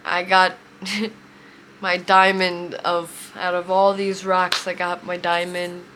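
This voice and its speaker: A woman in her twenties telling a heartfelt personal story, emotional and near tears, speaking haltingly. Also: lowish voice, monotone, fairly bright tone, slight background noise. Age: 20s. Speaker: vlogger.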